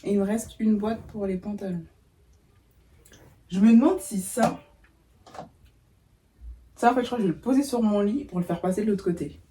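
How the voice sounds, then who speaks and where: A woman's voice: mid-range voice, normal speed, pauses often, warm tone, low-quality recording. A young woman chatting casually in a home vlog from her bedroom, slangy and self-mocking. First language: not English. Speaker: vlogger.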